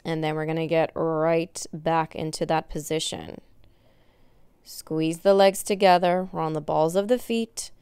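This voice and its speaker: A young woman leads a workout in the manner of an aerobics instructor. Her voice is slightly low and very clean, with little room echo. She gives encouraging cues while doing the exercises herself. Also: fairly even intonation, measured pace, a little mellow, clean tone. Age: young adult. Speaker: fitness instructor. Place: indoor wood-floored exercise studio.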